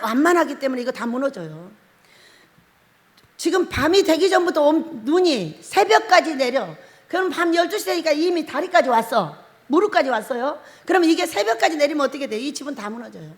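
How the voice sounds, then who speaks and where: A woman's voice: high-pitched, lively intonation, fairly quick. A middle-aged woman pastor preaching a sermon, telling stories with laughs and acted-out quotes. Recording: long hall reverb.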